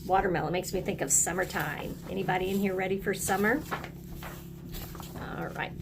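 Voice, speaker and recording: In a video lesson for young children, a woman early-grade teacher speaks fairly quickly with a fairly low pitch and fairly even intonation, while music plays in the background. She is encouraging and invites the kids to repeat along with her.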